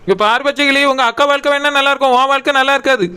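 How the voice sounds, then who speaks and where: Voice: sits high, steady tone, rapid-fire, bright, forceful tone. A performer voicing an anxious, meddling young village woman in a cartoon, pleading and earnest. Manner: pleading, earnest, tearful at times. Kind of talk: cartoon voice acting.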